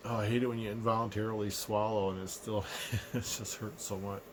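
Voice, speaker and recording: A middle-aged man talking casually to camera in a low, unhurried, subdued voice, sick with a sore throat. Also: level tone, background noise. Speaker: vlogger. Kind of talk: casual personal rant to camera. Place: small living room indoors.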